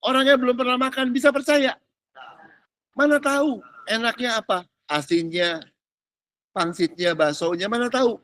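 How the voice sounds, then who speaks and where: A man preaching a casual teaching sermon as a pastor. He talks in lively colloquial bursts and keeps checking whether listeners follow. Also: very high voice, moderate pace, no room sound. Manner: animated, colloquial, peppered with English words and "ngerti nggak?".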